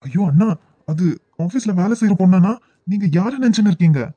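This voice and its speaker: A man's voice: high-pitched, animated, fast talker, mellow, dry recording, lo-fi sound. A man voicing a worried young colleague in a cartoon, coaxing and placating, with a Kanyakumari Tamil accent. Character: worried young male colleague trying to calm things.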